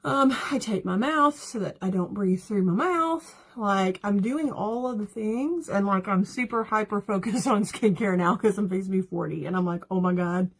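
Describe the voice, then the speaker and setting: A woman's voice: medium pitch, moderate pace, few pauses, husky. A woman, chatting casually and rambling as she does her makeup on a livestream, laughing often and answering viewers. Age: 30s. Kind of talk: casual livestream chat while doing makeup.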